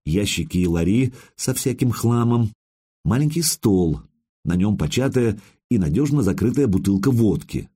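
A man's voice: lowish voice, animated, normal speed, mellow, husky. A man narrating a first-person audiobook in a wry, conversational storytelling manner.

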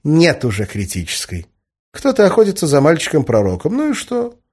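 Give me a calm, practical wife as a man reads her, husky and soft. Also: a little high, fairly quick, pitched above the performer's own voice, full character voice. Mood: reassuring. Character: calm, worried adult woman, the narrator's wife.

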